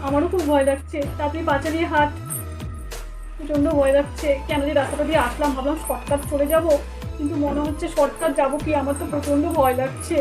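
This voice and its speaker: A woman's voice: high voice, little pitch movement, fast talker, far from the mic, close to an everyday voice. Nervous elder sister, voiced by a woman. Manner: nervous, repeats herself. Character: scared elder sister walking a dark road. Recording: background music.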